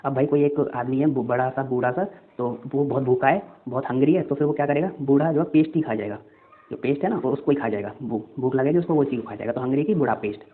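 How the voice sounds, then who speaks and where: A man's voice: mid-range voice, fast talker. A young man teaching an exam-prep lesson, chatty, often repeating answers back as quiz questions. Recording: tinny phone-like audio.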